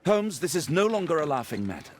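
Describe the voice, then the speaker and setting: An actor playing an earnest, courteous, concerned English doctor with a British accent in a game cutscene. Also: male voice, fairly high pitch, sing-song, fast talker. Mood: alarmed, earnest. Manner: polite, earnest. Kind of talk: dramatic game cutscene acting.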